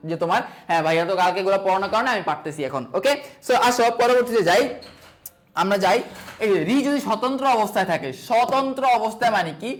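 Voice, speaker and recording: A young man teaching an online exam-prep class, asking his own questions, answering them and repeating each rule. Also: sits high. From Bangladesh. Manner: sprinkles English fillers like "okay" and "so".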